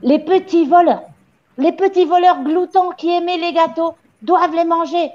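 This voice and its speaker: A woman reader voicing a furious, tyrannical headmistress who screams high, harsh orders at a child in a storybook reading. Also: fairly even intonation, normal speed, a little mellow. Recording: dull lo-fi audio.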